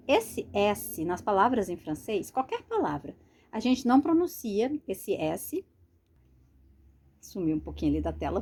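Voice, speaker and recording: A Brazilian woman teaching French online, slowly repeating words and explaining in a lively, sing-song voice. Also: on the high side. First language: Portuguese. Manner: slow drilled repetition of French words. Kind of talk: screen-share language lesson.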